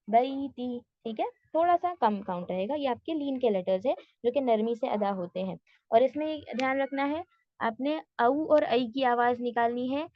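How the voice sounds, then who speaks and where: A woman teaching a tajweed class online, patiently explaining step by step and slowly modelling sounds. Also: on the high side, dry recording, dull audio.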